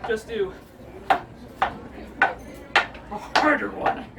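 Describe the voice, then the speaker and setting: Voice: medium pitch, lively intonation, extremely slow, creaky. A street performer doing self-deprecating, showman-like comedy patter for a live audience at a Renaissance fair. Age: 30s or older. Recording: distant mic, loud crowd and noise.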